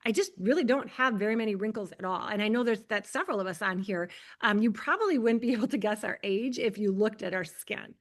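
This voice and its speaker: A woman's voice: mid-range voice, fast talker, few pauses. A woman in her fifties, a skincare consultant giving a live product demonstration and coaching viewers directly in an earnest way. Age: 50s.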